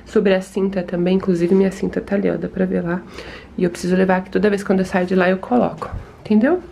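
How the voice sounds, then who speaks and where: A young woman from Brazil with a São Paulo accent, chatting casually in a home vlog, emotional and often dropping to a soft murmur. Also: mid-range voice, steady tone, quick pace, vocal fry, a little hiss or hum. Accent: Brazilian Portuguese, São Paulo. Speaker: vlogger. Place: home, indoors.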